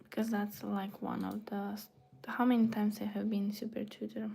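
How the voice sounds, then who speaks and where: This woman's voice is medium-pitched, husky, gravelly and warm, with a flat delivery at normal speed. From Bulgaria, she works on a website during a casual livestream, thinking aloud in a half-to-herself murmur that often nears a whisper.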